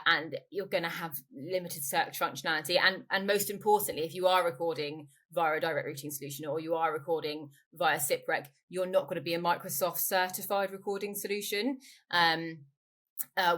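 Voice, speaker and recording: Being interviewed as the company's growth director, a woman explains things in a relaxed, conversational way and keeps rewording her points. Her voice is fairly low in pitch with a fairly bright tone.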